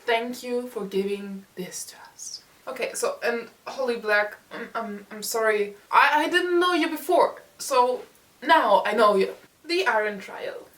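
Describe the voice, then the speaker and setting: A young woman with a German accent reviewing a book in a casual, enthusiastic way, often stumbling and repeating words. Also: a little high. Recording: roomy echo, mic set far off.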